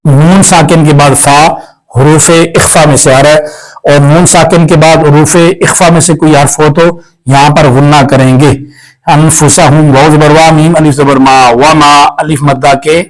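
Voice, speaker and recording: A man's voice: fairly high pitch, rough recording. Man with a Pakistani accent teaching recitation, stretching syllables. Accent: Pakistani Urdu. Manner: slow drawn-out syllables when reciting, brisk when explaining. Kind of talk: spelled-out recitation lesson.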